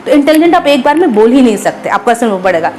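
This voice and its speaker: A woman teaching a grammar lesson. She mixes Hindi and English, says example words slowly and often checks in with her students. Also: a little high, big pitch swings, darkish tone, faint music behind, low-quality recording.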